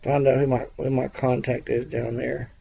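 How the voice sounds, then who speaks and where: A man's voice: mid-range voice, flat delivery, moderate pace, gravelly, mellow, slightly rough. A man calling in with a casual inquiry, hesitant and repeating his words, on a muffled, slightly noisy phone line. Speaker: caller. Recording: muffled phone call with faint noise.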